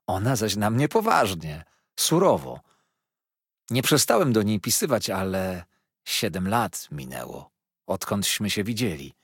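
A male audiobook narrator tells a classic story in the first person, pausing and swelling for drama. His voice is low and husky, and his pitch moves in wide, animated sweeps. The sound is close and dry, with no room in it. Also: no room sound. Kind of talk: expressive literary audiobook narration.

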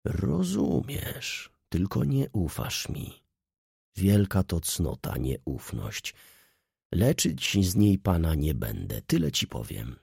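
A man's voice: sits low, slow, gravelly, slightly rough, dry recording, clean studio sound, exaggerated voice. A man voicing a sly, persuasive old-school lawyer. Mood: scheming. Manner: animated, persuasive, theatrical emphasis. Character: scheming middle-aged male lawyer, smooth and sly. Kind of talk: audiobook character voice.

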